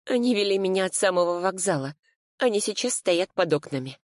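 A woman's voice: mid-range voice, lively intonation, brisk, a little mellow, no room sound, clean studio sound, pitched above the performer's own voice, close to an everyday voice. A reader voicing a frightened young woman whose voice trembles as she talks to her lawyer. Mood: tense. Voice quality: tense, trembling.

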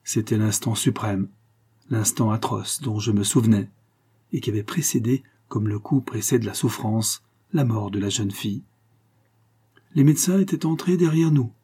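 A man narrating a 19th-century tale in a dramatic, expressive reading. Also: on the low side, moderate pace, slightly rough.

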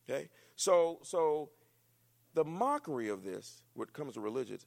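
A male pastor preaching a sermon, acting out dialogue and climbing to shouts. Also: medium pitch, gravelly. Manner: animated preaching, acts out dialogue, rises to shouts.

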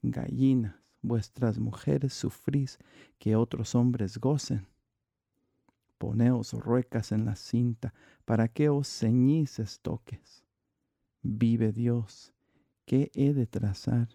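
A man recites a dramatic monologue in classical verse at an unhurried pace, with fairly even intonation. His mid-range voice sounds very dark and soft-edged with a gravelly creak, and the recording is close and dry.

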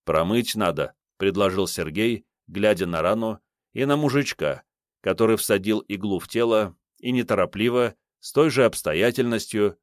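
A man narrating an audiobook in a steady storytelling manner. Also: fairly low pitch, dry recording, studio quality.

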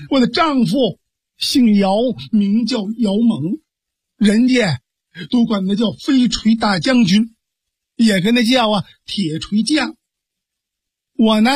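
A man's voice: sits high, breathy edge, no room sound. A male storyteller voicing a frightened young married woman who pleads as she tells her story, raised and trembling.

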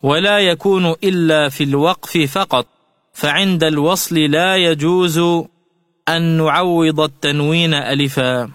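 A man giving a radio lesson on Quran recitation rules, with measured explanations and slow chanted example words. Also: a little high, fairly bright tone, dry recording, studio quality, big-room sound.

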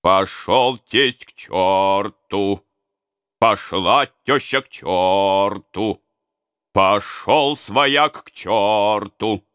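Storybook role: a man doing a village groom, slow chanted folk lines. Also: on the low side, a bit bright, smooth, dry recording, clean studio sound. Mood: playful. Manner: slow sing-song chanting.

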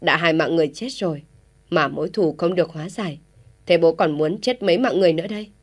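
A woman's voice: fairly low pitch, fast, lightly acted. A woman reading an audio story voices a stubborn young man who firmly defies his father. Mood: defiant. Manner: firm, defiant replies.

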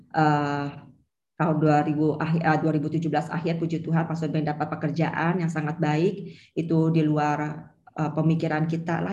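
A woman preaches an earnest, heartfelt testimony with a fairly low voice. She often pauses on fillers as she speaks. The recording is dull and lo-fi. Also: a little mellow. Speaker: pastor's wife preaching. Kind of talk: sermon testimony.

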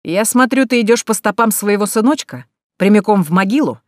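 Pitching his natural voice above his own usual range, a reader performs a brutal, sneering grown nobleman in an audiobook, spitting out spiteful insults. His mid-range delivery is animated and a little fast. The studio-quality audio has no room sound.

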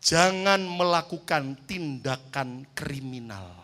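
A male pastor delivers a fiery sermon in a high, bright, ringing voice. He tells stories between exhortations and swings from easy talk to loud shouts, calling the congregation for amen. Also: lively intonation, takes it slowly. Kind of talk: sermon with storytelling.

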